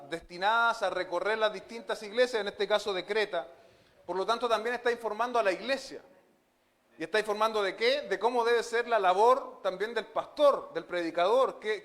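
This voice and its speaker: A man's voice: sits high, fairly bright tone. A male pastor delivering an expository sermon, earnest, with frequent fillers and amens.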